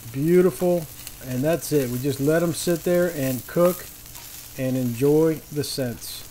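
Audio quality is poor as a man with a fairly high, mellow voice slowly guides viewers through a casual outdoor cooking demo. He stands on a paved patio beside a griddle, giving folksy, easygoing instructions while food sizzles and fries clearly in the background.

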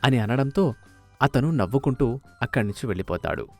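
Guy narrating a cartoon story, plain steady delivery, faint music under it. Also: mid-range voice, fairly quick, gravelly.

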